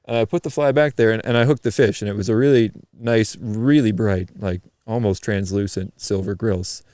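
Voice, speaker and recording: Male podcast guest from eastern Canada, lower voice, dry close sound, animated storyteller with frequent restarts. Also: moderate pace, no room sound. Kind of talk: casual storytelling chat.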